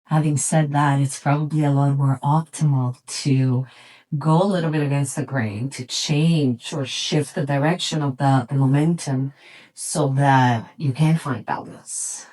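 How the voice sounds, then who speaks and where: Low-voiced woman from Serbia, thoughtful. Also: steady tone, mellow, rough recording. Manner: thoughtful, reflective, with frequent pauses and restarts. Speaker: yoga teacher and studio owner, guest. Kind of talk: relaxed conversational interview.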